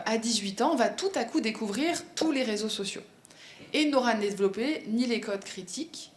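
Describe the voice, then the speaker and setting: A woman giving a conference talk and answering questions, explaining at length with frequent hesitations and fillers. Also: a little high. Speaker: speaker at a professional conference. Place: conference room. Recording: echoey conference room.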